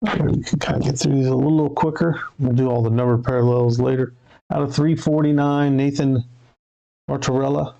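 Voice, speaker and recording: A man with a gravelly, creaky voice at middle pitch, hosting a card break. He calls out each player and serial number as he opens packs, and corrects himself when he misreads one. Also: steady tone, moderate pace, mellow, highs cut off. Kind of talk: live card break commentary.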